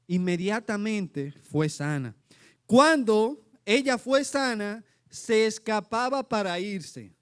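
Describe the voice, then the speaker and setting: Middle-aged preacher guy, high voice, lively, acts out the quotes. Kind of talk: sermon.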